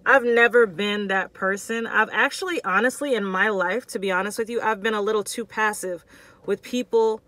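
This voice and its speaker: Bright-voiced woman telling a storytime. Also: mid-range voice, dry recording. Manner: expressive and slangy, talks straight to viewers. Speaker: vlogger telling a personal story. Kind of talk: casual storytime chat.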